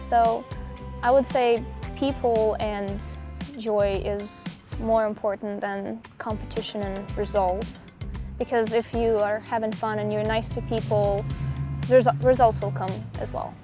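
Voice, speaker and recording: On a hiking trail, a young woman from Russia who plays pro pickleball answers interview questions in English as a guest. She speaks unhurriedly at medium pitch with fairly even intonation, reflective and casual with small restarts, while music plays in the background.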